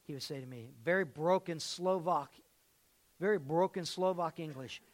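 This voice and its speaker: A man's voice: a little high, normal speed. A man preaching a sermon as pastor in a church, emphatic and repeating phrases, with joking asides. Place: church sanctuary.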